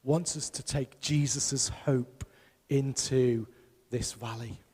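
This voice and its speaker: A man's voice: medium pitch, steady tone, slow, darkish tone, breathy edge, long reverb tail. A man preaching a sermon as pastor, emphatic and putting rhetorical questions to his congregation. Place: church hall.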